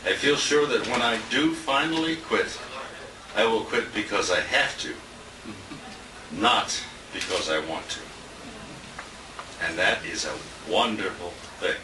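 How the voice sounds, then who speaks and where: With a fairly low voice, a measured pace, and long pauses, a man speaks as a radio colleague in an informal tribute at an indoor restaurant dinner, telling rambling anecdotes and chuckling. A handheld compact camera at a distance catches it, giving noisy, roomy sound.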